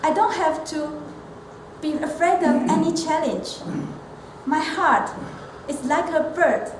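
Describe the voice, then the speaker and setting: High-voiced and unhurried, this woman from Taiwan sets out each phrase with care in her earnest, prepared remarks, now and then restarting to correct herself. She's an elementary school teacher and club member, heard in an echoey room with steady background noise.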